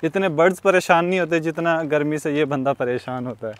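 A young man from Pakistan, speaking in a fairly quick, higher-pitched voice, narrates a casual vlog on farmland and a building site. Laughter often punctuates his sentences, and the lapel mic records faint outdoor ambience.

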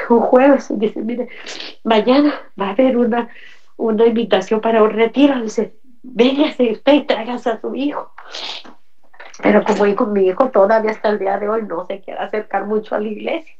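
Earnest woman on a dull lo-fi recording. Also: a little high. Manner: earnest, repetitive retelling with many quoted exchanges. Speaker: churchgoer giving a faith testimony. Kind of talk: personal testimony storytelling.

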